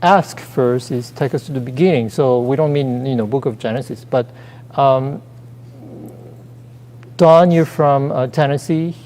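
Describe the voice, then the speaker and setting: A man's voice: mid-range voice, unhurried, darkish tone. A man co-hosting a casual chat show, hesitant and full of fillers and restarts. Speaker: co-host. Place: theater stage. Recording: long reverb of a theater hall.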